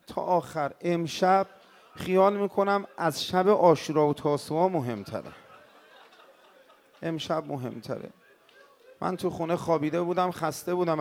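A male cleric telling a mournful story in a sermon, swinging from hushed words to crying out. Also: a little high. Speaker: cleric preacher.

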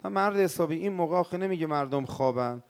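A male cleric telling a mournful story in a sermon, swinging from hushed words to crying out. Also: on the high side, clean tone. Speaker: cleric preacher.

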